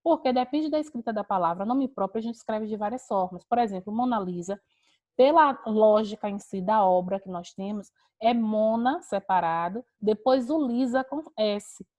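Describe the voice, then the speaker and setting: A woman's voice: mid-range voice, moderate pace, a little mellow. A Brazilian woman teaching an online class over a video call, explaining step by step, repeating key words and asking rhetorical questions. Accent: Brazilian Portuguese.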